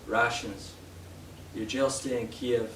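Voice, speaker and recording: A young man from Canada giving a live poetry reading in a bookshop, hesitant with fillers between poems and steady in his verse. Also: mid-range voice, takes it slowly. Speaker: poet. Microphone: distant from the mic. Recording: roomy, distant, noisy live room sound.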